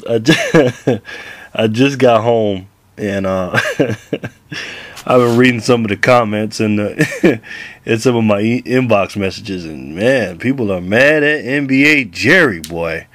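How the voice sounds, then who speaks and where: A man's voice: lowish voice, slow, a bit bright, dry recording. A man in his thirties talking casually to camera about basketball, laughing often and rambling with restarts. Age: 30s. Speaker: basketball vlogger.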